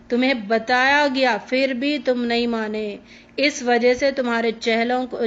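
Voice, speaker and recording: A high-pitched woman gives a Quran lesson on a dull, lo-fi recording. She explains each verse line by line and acts out the pleas and replies she describes. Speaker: Quran teacher.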